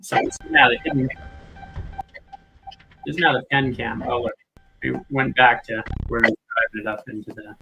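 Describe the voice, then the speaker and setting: A man's voice: mid-range voice, moderate pace, creaky, long pauses, music in the background, rough recording. A man giving casual, think-aloud live commentary as a host going through video clips. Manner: thinking aloud, informal narration. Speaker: video host reviewing footage.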